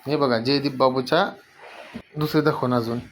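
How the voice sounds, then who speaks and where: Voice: medium pitch, steady tone, moderate pace, slight background noise. An adult family vlogger filming at home, coaxing a small child with patient, repeated questions and talking to viewers. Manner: addresses viewers directly. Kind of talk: casual home video chat.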